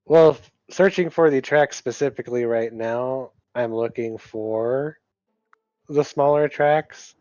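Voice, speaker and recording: A man playing a tabletop role-playing game, phrasing things haltingly and deliberately, in and out of character. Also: mid-range voice, dark tone, no echo, lo-fi sound. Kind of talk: casual game play, speaking in and out of character. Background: music.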